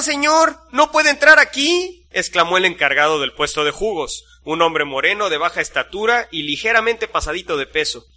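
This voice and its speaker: A male narrator tells a first-person story in a steady, suspenseful way. His voice is very bright and sits a little high. He keeps an even, measured flow as he narrates.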